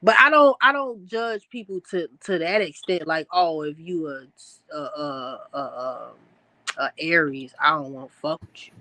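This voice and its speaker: A woman in casual group chat, animated and teasing, laughing often. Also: low voice, moderate pace, no echo, low-quality recording.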